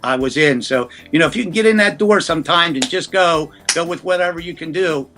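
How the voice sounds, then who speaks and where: A man from the US East Coast, a ventriloquist, telling lively anecdotes about his early career in a casual interview. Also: fairly high pitch, fairly quick, soft background music.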